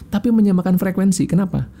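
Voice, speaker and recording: A man, a guest explaining communication in a casual chat, animated and fond of acting out examples. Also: sits high, quick pace, vocal fry.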